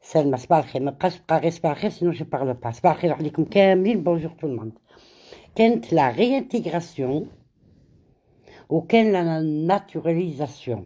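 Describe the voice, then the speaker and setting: A middle-aged woman hosts a casual live chat. She greets viewers one by one in a relaxed way, and her voice sits low and dark. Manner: switches between French and Arabic, greets viewers by name. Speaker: live stream host.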